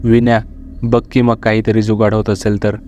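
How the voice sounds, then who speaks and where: A man's voice: fairly low pitch, level tone, normal speed, darkish tone, muffled recording, faint music behind, lightly acted. A man voicing a laid-back, sly young male roommate in a storybook reading, talking casually.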